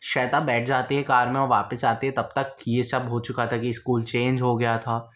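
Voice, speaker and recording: A young man tells a storytime vlog story in a blunt, slangy, casual way. He speaks directly to his viewers at a middle pitch. His delivery is loose and conversational. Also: flat delivery, normal speed, a bit bright. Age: young adult.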